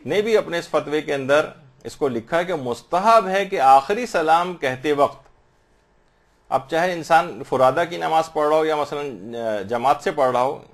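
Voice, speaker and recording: A man giving a religious lesson on prayer, patiently explaining and slowly drawing out Arabic phrases to show correct pronunciation. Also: a little high. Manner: slow drawn-out demonstrations of Arabic pronunciation. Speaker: religious teacher.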